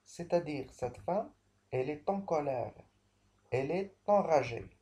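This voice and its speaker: Guy teaching a french lesson online, real slow, repeats stuff and restarts a lot, soft mellow tone. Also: a little high, animated. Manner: slow, repetitive explaining with many restarts. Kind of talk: remote language lesson.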